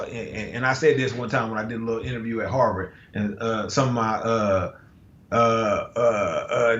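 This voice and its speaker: Over a video call, an American man who is a guest artist chats casually, laid-back and slangy, with plenty of fillers and restarts. His voice is medium in pitch with a fairly bright tone. The call audio is roomy, dull and lo-fi.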